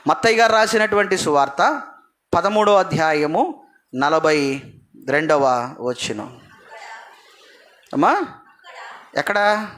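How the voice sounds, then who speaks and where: A man's voice: on the high side, a little slow, pauses often, a bit bright. A man preaching a sermon to a congregation, asking them questions and repeating phrases for emphasis.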